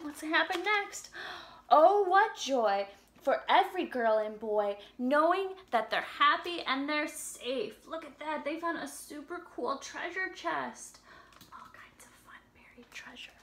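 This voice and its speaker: Reading a picture book aloud for small children, a young adult woman uses expressive delivery, simple questions and exaggerated emphasis. Her voice is high-pitched and fairly bright in tone. She is in a home room with an upright piano.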